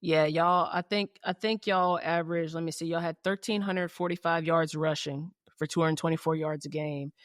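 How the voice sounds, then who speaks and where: A woman's voice: deep voice, fairly even intonation, normal speed, few pauses, no echo, studio quality. A woman hosting a podcast in casual chat, with lots of restarts and football talk. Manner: rambling, many restarts and "you know what I'm saying". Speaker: podcast host and player.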